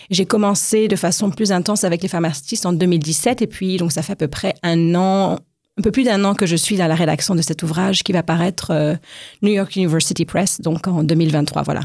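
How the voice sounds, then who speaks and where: A woman's voice: medium pitch, fairly even intonation, brisk, a little mellow, no room sound, clean studio sound. A woman from France answering radio interview questions, thoughtful and hesitant, with many fillers and restarts. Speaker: guest researcher.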